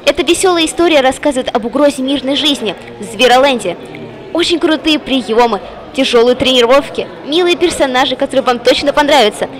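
In a bustling cinema foyer full of people, a woman reporting for TV conducts vox-pop interviews, presenting and questioning passersby. Her voice sits high and moves fairly quickly.

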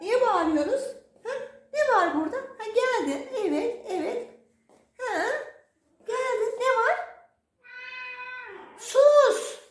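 A woman's voice: very high-pitched, lively intonation, a little slow, pauses often, roomy sound. A woman talking to her pet cats at home in a playful, teasing, scolding baby-talk voice. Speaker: cat vlogger. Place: home, indoors.

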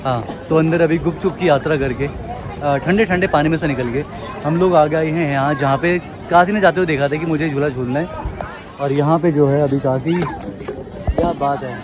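A man's voice: on the high side, moderate pace. A man in his thirties, chatting cheerfully to his viewers while walking through a busy tourist spot outdoors, filming on a phone held at arm's length. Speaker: family vlogger. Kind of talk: casual travel vlog narration. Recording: loud crowd and noise around.

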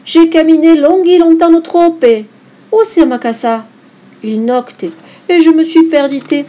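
A woman voicing a dramatic little girl lost in the woods, crying out in a loud, high voice. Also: a little slow. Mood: alarmed.

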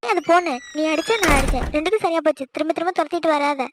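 A woman voicing a bossy, sharp-tongued younger sister in a cartoon. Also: extremely high pitch, rapid-fire, noisy background. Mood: snappy. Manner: snappy, bossy. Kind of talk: cartoon voice acting.

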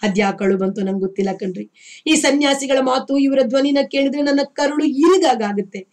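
A grieving, troubled woman, voiced by a female reader, pleading and close to tears. Her voice sits high and rises with feeling. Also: moderate pace, darkish tone. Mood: distressed. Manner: pleading, tearful.

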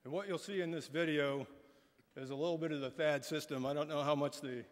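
A middle-aged man giving an informal, somewhat halting briefing as a military panelist at a conference podium. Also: fairly high pitch, steady tone. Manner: casual, halting with fillers and restarts. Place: large conference hall stage. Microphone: podium microphones. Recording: reverberant hall.

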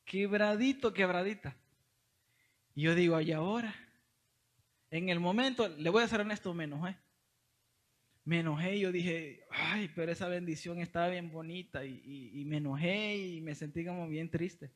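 Preaching a sermon, a young man from El Salvador tells his testimony in lively storytelling, repeatedly addressing listeners as brother. His Salvadoran Spanish accent comes through in a high-sitting voice at normal speed.

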